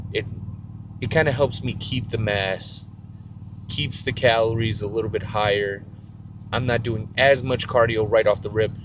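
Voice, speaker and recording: A young man, a bodybuilding vlogger, talking casually to camera in a rambling way, full of fillers and restarts. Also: lowish voice. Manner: rambling, fillers, self-described stuttering. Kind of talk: casual outro talk to camera. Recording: clear outdoor street noise behind.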